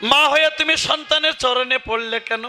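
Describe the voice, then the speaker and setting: A man's voice: extremely high pitch, moderate pace, bright, forceful tone, soft background music, full character voice. A man with a Bangladeshi Bengali accent voicing a weeping, devoted young prince in a sung sermon story. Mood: tearful. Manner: tearful, pleading.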